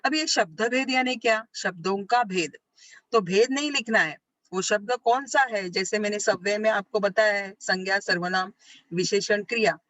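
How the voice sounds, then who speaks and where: Female school teacher, bright clear voice, dry close sound, rephrases and quizzes the class as she explains. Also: medium pitch, normal speed, no room sound, poor audio. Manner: explains step by step, asks questions and answers them herself; rephrases points again and again. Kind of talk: recorded grammar lesson.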